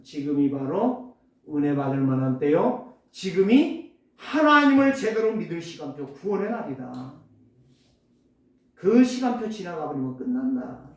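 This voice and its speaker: A male pastor preaching a sermon emphatically, firing rhetorical questions and swinging between loud and soft. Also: a little high. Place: church sanctuary. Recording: echoey church hall, distant mic.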